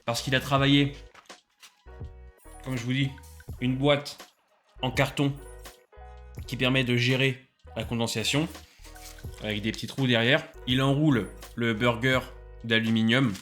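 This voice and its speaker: A man's voice: mid-range voice, fairly even intonation, unhurried, pauses often, fairly bright tone, soft background music. A young man hosting a casual food review vlog, enthusiastic and full of hesitant fillers. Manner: enthusiastic, many filler "euh"s. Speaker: food vlogger.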